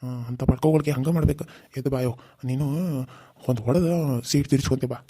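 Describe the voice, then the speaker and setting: A woman voicing a gruff, protective middle-aged village uncle in a cartoon serial. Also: very deep voice, fairly even intonation, fast talker, warm tone, full character voice. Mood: comforting.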